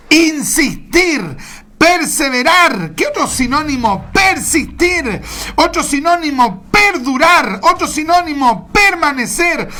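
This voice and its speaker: Her voice sits high as she preaches, stretching important words, repeating herself with emphasis, and now and then erupting into shouts.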